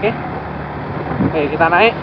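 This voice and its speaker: A man from Indonesia talking through a face mask in a halting, casual way, giving travel vlog commentary as he rides. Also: fairly high pitch. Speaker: travel vlogger. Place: outdoors, riding a vehicle on a village road. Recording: dull lo-fi, loud engine and road noise.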